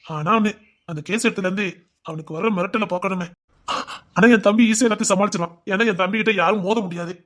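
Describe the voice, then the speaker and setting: Male storyteller with a high-pitched voice who voices all the parts of a dramatic audio story. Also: fast talker, fairly bright tone. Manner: wondering, questioning, then conversational dialogue.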